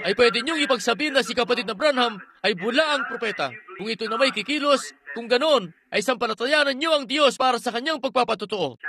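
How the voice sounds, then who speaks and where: A man preaching a sermon with earnest fervor, telling a healing testimony and leading a prayer. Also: very high-pitched.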